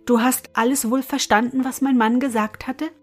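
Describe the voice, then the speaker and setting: A woman voicing the griffin's clever, kind wife, speaking higher and eagerly in a storybook tale. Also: fairly even intonation, moderate pace, soft background music, close to an everyday voice. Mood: earnest.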